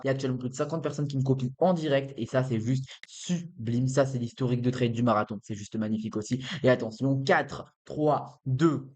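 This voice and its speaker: A man hosting a trading channel, commenting live on his trades with hyped countdowns and pitching viewers directly. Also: darkish tone.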